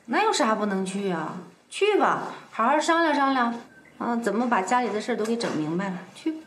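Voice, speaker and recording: An actress with a Northeastern Mandarin accent playing a determined village mother, firm with her husband and gentle with her son. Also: a little high, sing-song, brisk. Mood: needling. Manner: firm, gently coaxing, with sharp digs. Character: determined village mother leaving to work in the city.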